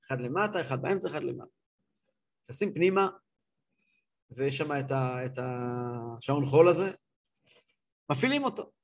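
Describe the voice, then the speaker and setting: A man teaching a religious class as a rabbi, telling stories in an animated way and acting out scenes. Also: medium pitch, long pauses. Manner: animated, acts out scenes, repeats words. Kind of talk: lively storytelling lesson.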